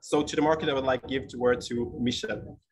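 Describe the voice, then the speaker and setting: A man giving a startup pitch presentation as a founder, speaking from an airport terminal with noise behind him. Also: steady tone, fast talker. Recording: noisy airport terminal background.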